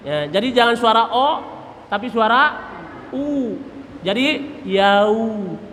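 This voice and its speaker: A man's voice: very high voice, animated, takes it slowly, a bit bright. A man teaching Quran recitation in a mosque, patiently drilling letter sounds and chanting verse examples. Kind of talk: tajwid lesson with chanted examples. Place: mosque hall. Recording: reverberant mosque hall, faint noise.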